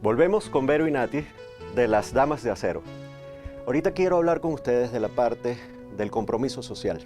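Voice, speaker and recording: A man's voice: mid-range voice, lively intonation, fairly quick, a little mellow, soft background music. A man hosting a talk show, asking questions and giving short acknowledgements. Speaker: host.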